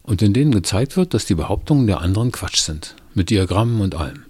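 A man voicing a stubborn, defensive man who doubts climate change, in a husky voice with dry close sound. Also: lowish voice, animated, fast talker, darkish tone, dry recording. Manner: indignant, pushing his view.

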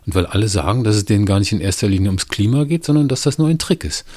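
A man voicing a stubborn, defensive man who doubts climate change, in a husky voice with dry close sound. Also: lowish voice, animated, racing, a little mellow, no echo, pitched above the performer's own voice. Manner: indignant, pushing his view.

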